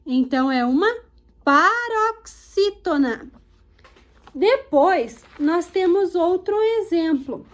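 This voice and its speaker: A woman's voice: very high voice, lively intonation, a little mellow. A woman teacher with a Brazilian Portuguese accent, giving a recorded lesson to young children and stretching each word out syllable by syllable. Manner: slow, drawn-out words spelled out syllable by syllable for children.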